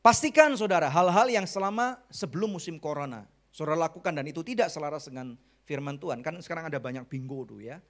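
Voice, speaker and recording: A middle-aged man with an Indonesian accent, a pastor preaching a lively, conversational sermon full of jokes and English phrases. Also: on the high side.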